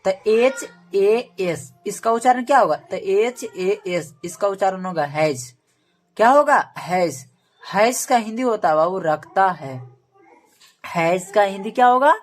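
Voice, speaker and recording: A woman teacher works through a lesson at a very unhurried pace, at an ordinary pitch. She spells words out letter by letter and drills them with questions she answers herself. She ends almost every point with an "okay.". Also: lively intonation, soft background music. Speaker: English teacher. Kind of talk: spoken lesson to camera.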